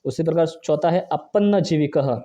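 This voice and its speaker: Man teaching grammar, fast and repetitive, mellow tone, slightly high voice. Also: dull audio. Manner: repeats each example, asks and answers own questions; fast, brisk delivery. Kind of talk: exam-prep grammar lesson.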